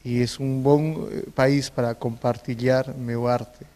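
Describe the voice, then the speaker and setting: A man's voice: medium pitch, little pitch movement, takes it slowly, warm tone, in a large hall. A man from Peru with a Peruvian Spanish accent, a native Spanish speaker, answering interview questions hesitantly with many filler sounds. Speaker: interview guest, visual artist.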